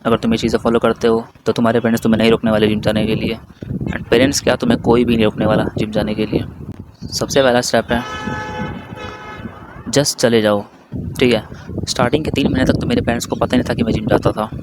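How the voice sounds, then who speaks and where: A man's voice: medium pitch, level tone, fast talker, pauses often. A young man from India giving casual, brotherly advice straight to the viewer, repeating his points as he goes. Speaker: vlogger. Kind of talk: casual advice talk to camera. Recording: noisy background hiss.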